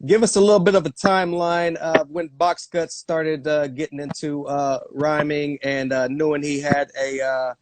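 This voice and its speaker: A man's voice: on the high side, flat delivery, moderate pace, hardly any pauses, noisy background. A man hosting a casual interview on a live video call, asking laid-back questions padded with fillers. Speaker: interview host.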